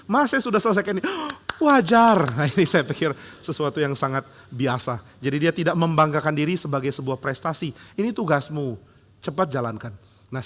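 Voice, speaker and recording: A middle-aged man preaching a sermon, animated, with humorous asides and acted-out quotes. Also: medium pitch, in a large hall. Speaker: pastor.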